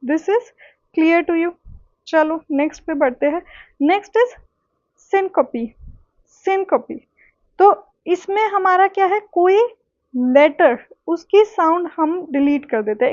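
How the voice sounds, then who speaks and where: A woman's voice: very high-pitched, a little mellow, no room sound, lo-fi sound. A woman teaching literary and linguistic terms for an exam, explaining step by step and often checking that listeners follow. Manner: explains step by step, mixing Hindi and English; slow, deliberate delivery with checking asides. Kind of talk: exam-prep lecture.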